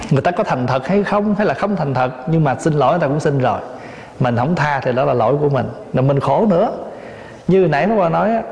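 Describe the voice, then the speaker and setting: A man's voice: on the high side, darkish tone. Man giving a Buddhist dharma talk. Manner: plain storytelling with rhetorical questions and light humor. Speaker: Buddhist monk teaching dharma. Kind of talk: dharma talk to lay audience. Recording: echoey hall, dull lo-fi sound.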